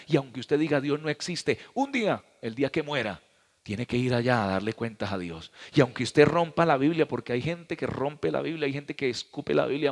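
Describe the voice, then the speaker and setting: Colombian pastor preaching in a reverberant hall. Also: male voice. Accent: Colombian Spanish. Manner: preaching with sweeping pitch swings and dramatic pauses. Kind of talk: sermon. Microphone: handheld microphone.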